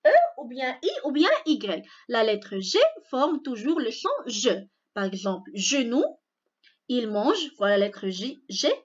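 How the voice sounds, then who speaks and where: Slow, lively primary school teacher, woman. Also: high voice, muffled recording. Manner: slow, repeats each rule with frequent checks of understanding. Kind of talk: spelling lesson to young pupils.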